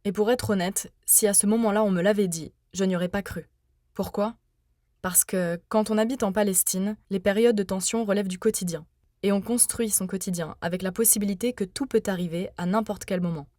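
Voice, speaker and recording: A young woman from France narrating her own podcast in an earnest, measured, personal way. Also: medium pitch, fairly even intonation, warm tone, dry recording, studio quality. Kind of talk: scripted first-person narration.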